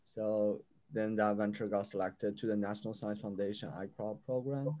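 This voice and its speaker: A man's voice: fairly low pitch, fairly even intonation, a little fast, warm tone. A man from China introducing himself as an entrepreneur on an online panel, plain and straightforward.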